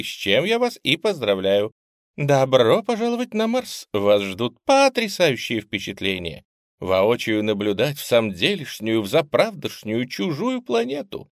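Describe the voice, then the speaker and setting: A man's voice: medium pitch, dry recording, studio quality, pitched above the performer's own voice. A man voicing a cheerful, motherly female ship computer with a melodic, lilting voice.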